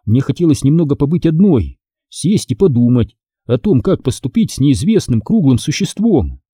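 Narrating a first-person audiobook story, this man uses a very dark, husky voice that sits on the high side and ranges lively and expressively. His speed is normal, and the read is dry, close-miked and echo-free.

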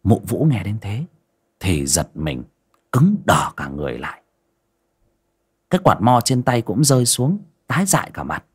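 A man narrating a ghost story in an expressive storytelling way. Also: lowish voice, moderate pace, long pauses, husky. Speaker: audiobook narrator.

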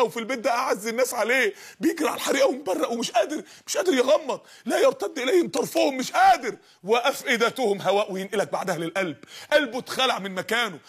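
An Egyptian man delivering an impassioned sermon, dramatic and pleading, building to shouts. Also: very high-pitched, husky. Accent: Egyptian Arabic. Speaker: preacher.

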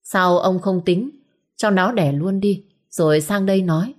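A woman's voice: on the low side, a little slow. A woman voicing a cold, domineering old patriarch who speaks curtly and mockingly. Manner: curt, mocking. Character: cold, domineering old father of a rich house.

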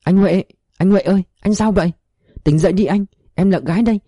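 Man doing a fretful middle-aged woman, high, worried, scolding, lively, dry sound. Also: fairly quick, no echo.

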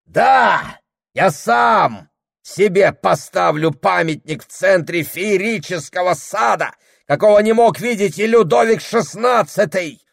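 A man voicing a domineering, grandiose husband who shouts and hammers every phrase in an audiobook. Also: high voice, creaky, no echo, clean studio sound, pitched above the performer's own voice, full character voice. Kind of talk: audiobook character voice.

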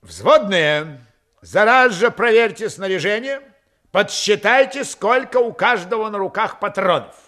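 A stern, threatening rebel Cossack commander, as a male reader puts him on, snapping out curt orders. The voice rides high and leaps about in pitch. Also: lively intonation, a little slow, sharp tone, full character voice.

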